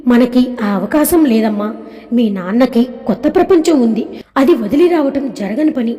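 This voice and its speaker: A sorrowful single mother, as a woman narrator voices her, gentle and resigned, in a high mellow voice. The storybook reading rings with a long hall reverb. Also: lively intonation, moderate pace, lightly acted. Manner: soft, resigned.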